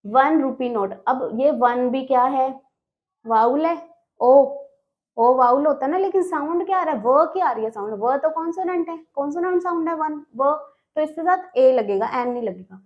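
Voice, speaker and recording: A woman's voice: sits high, animated, normal speed. A woman teaching a grammar lesson, explaining step by step and sounding out words, often checking with a question. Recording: dull lo-fi sound.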